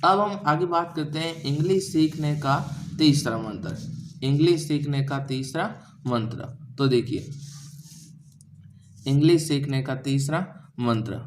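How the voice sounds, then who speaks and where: A man's voice: on the high side, lively intonation, a little slow, long pauses, a little hiss or hum. Hindi-accented male teacher quizzing students. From India. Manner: repeats rhetorical questions to students and answers them himself. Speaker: English teacher. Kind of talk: classroom lesson explaining grammar and pronunciation.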